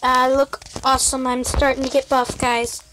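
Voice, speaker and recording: Background noise accompanies a young woman who hosts a gaming channel, her high voice showing little pitch movement at a moderate pace. She narrates her gameplay casually and chattily, repeatedly speaking to viewers as "guys."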